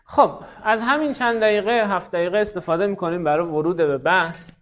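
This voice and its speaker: A man with a fairly high voice teaches a classroom lesson, firing questions at students, praising correct answers and running quickly through the rules. The recording is dull and lo-fi. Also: a bit bright. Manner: quizzing students, brisk explanations, frequent praise.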